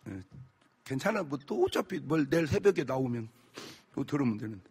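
A male pastor preaching a sermon, firing rhetorical questions at the congregation and bursting into shouts. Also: medium pitch, big pitch swings, fairly quick, husky. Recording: long church hall reverb.

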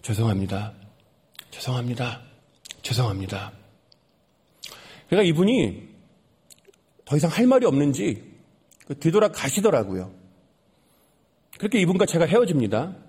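A young man giving an earnest sermon testimony, repeating lines for emphasis and dropping soft at sad moments. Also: a little high, big pitch swings, normal speed, pauses often, husky.

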